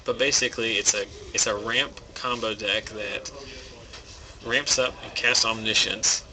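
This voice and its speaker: A man giving relaxed, rambling commentary on a card game match, thinking aloud. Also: on the low side, measured pace, crowd noise, rough recording. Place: game store. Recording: background noise in a game store.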